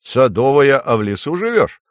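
A man's voice: medium pitch, big pitch swings, normal speed, no echo, clean studio sound, lightly acted. A man voicing a fussy male woodpecker who builds houses, exclaiming indignantly in a storybook reading.

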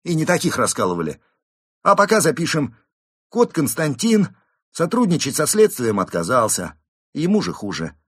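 A man voicing a blustering male moose police inspector who barks accusations and often shouts, with a husky tone. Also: on the high side, wildly swooping pitch, normal speed, dry recording, studio quality, pitched above the performer's own voice, exaggerated voice. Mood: bellowing. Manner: barking, raises voice to shout.

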